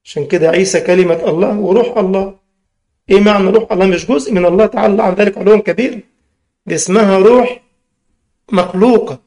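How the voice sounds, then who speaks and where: High-voiced Egyptian man teaching in a mosque. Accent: Egyptian Arabic. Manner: keeps asking the listeners questions and stretches key words slowly. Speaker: religious teacher. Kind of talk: mosque lesson in plain colloquial speech.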